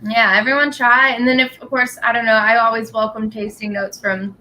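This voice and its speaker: A woman's voice: on the high side, level tone, a little fast, pushed and bright, poor audio. A woman talking casually and explaining things as a company representative at a tasting. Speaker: distillery representative. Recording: clear background noise.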